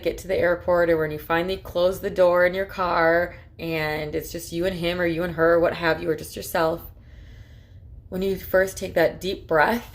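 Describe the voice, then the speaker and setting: A woman vlogging in a heartfelt, casual way, rambling earnestly with lots of filler words. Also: fairly low pitch. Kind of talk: casual heartfelt talk to camera.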